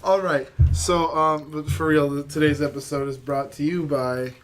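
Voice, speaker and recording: A man's voice: fairly high pitch, little pitch movement, moderate pace, a bit bright, a little hiss or hum. A man hosting a casual podcast, teasing his co-hosts and laughing often. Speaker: podcast host. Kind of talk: casual chat.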